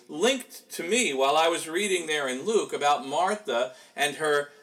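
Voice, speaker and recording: A man's voice: a little high, fairly bright tone, poor audio. A man preaching a sermon in a conversational way, asking rhetorical questions as he goes.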